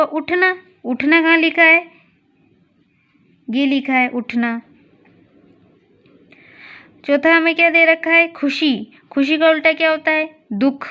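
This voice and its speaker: A woman's voice: high voice, dull audio. A woman teacher going through a book exercise in a recorded class lesson, patiently asking questions and answering them herself. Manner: slow, patient, asks and answers her own questions. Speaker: school teacher.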